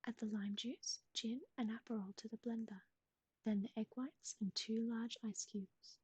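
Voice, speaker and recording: A woman whispering recipes in a soft ASMR style, close to the mic, with gentle asides to a pet. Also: a little high, fairly even intonation, moderate pace, husky, no echo. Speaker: ASMR streamer.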